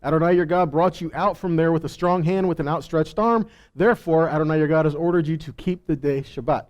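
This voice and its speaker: Here a man with a fairly high voice preaches informally, moving a little fast. As a Bible teacher, he reads passages and talks them through conversationally, throwing in rhetorical questions and pretend responses.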